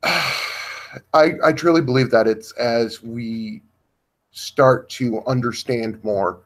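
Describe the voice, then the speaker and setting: A man speaks at a deliberately slow pace, with frequent pauses as he feels his way toward each point. His voice sits in an ordinary middle register, and he talks in a halting, thoughtful way during a livestream discussion. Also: mid-range voice. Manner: slow and halting, pausing to search for words.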